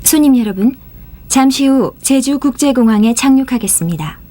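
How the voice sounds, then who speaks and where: A calm, formal flight attendant's voice comes over the cabin loudspeaker. It sounds set back from the listener and a little high, with a soft, mellow tone. The phrasing is polite and measured, the way a landing announcement should be. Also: female voice.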